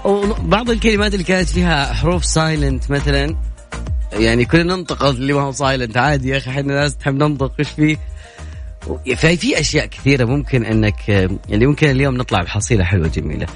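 Brief: male radio host, quick and joking, faint music bed under him. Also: mid-range voice. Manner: chatty, playful, fast-talking. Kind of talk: casual radio talk show.

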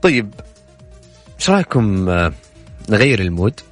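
Male radio host, brisk friendly patter over a faint music bed. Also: fairly low pitch, sing-song. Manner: friendly and chatty, addresses listeners directly. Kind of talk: late-night radio call-in chat. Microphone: studio microphone.

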